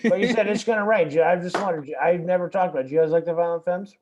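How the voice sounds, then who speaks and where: Male co-host, loose and profane, slightly raised pitch. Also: fairly even intonation, very fast, a little mellow, slight background noise. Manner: rambling, swears casually. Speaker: podcast co-host. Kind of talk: casual chat.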